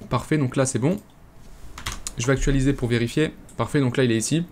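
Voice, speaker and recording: A man talks viewers through an online shop tutorial on screen, in a relaxed, chatty way full of small hesitations. His voice sits at an ordinary middle pitch. A faint hiss of background noise runs under the recording. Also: brisk. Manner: chatty, many "euh" fillers, addresses viewers directly. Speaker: e-commerce tutorial host. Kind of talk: casual screen-share tutorial.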